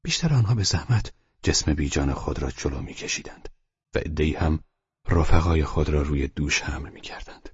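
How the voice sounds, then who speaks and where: Very deep, husky male narrator. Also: lively intonation, a little mellow, dry recording, lo-fi sound. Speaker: audiobook narrator. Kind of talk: scripted narration.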